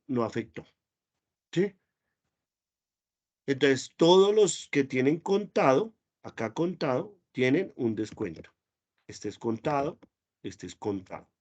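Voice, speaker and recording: Guy teaching spreadsheets online, patient, repeats stuff, kinda muffled sound. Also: a little high. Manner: patient, repeats points, praises questions.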